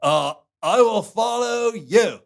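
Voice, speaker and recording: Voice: medium pitch, takes it slowly. A performer voicing the young prophet Elisha as a slangy, laid-back surfer dude in a puppet skit. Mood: dazed. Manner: slangy, drawling, excitable outbursts.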